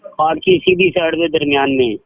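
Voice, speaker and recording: A man, heard over a phone line, posing as a bank officer and pressing the other person for card details in a smooth, insistent way. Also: extremely high pitch, huge pitch swings, moderate pace, a little hiss or hum. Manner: smooth, insistent, repeats "ji ji" to keep the caller going. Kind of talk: phone call. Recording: tinny phone call recording.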